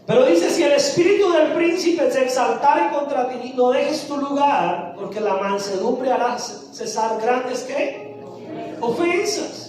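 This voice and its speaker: A woman's voice: a little high, a little mellow, slight background noise. A woman pastor preaching a sermon, asking the congregation questions and answering them herself. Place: church sanctuary. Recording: echoey church from far off, faint music.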